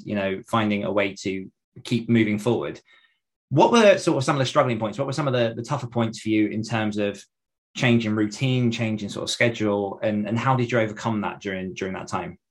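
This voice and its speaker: A man hosting a casual podcast interview, with hiss on his microphone from a loud computer. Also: fairly low pitch.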